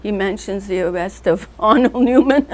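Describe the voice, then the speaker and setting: An older woman, an artist born in North Africa, reminisces at a normal speed in a mid-range voice during a relaxed interview. Her rambling recollections slide from one name and memory to the next, and laughter runs through her stories.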